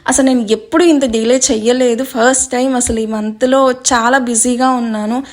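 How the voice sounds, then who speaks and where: A woman narrating a serialized love story as host of a storytelling channel, expressive in her reading and chatty in her sign-off. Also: fairly high pitch, normal speed.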